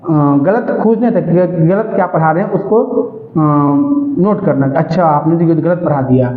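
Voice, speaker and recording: A man's voice: a little high, moderate pace. A man teaching Sanskrit grammar, asking questions and answering them himself. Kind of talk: classroom grammar lesson. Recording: echoey room, tinny phone-like sound.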